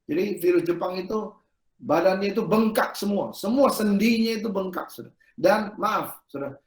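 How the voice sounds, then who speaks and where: A man preaching a sermon as pastor, telling a story with lively animation and often turning to address his listeners directly. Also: high voice, moderate pace. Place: church service hall. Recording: echoey worship hall.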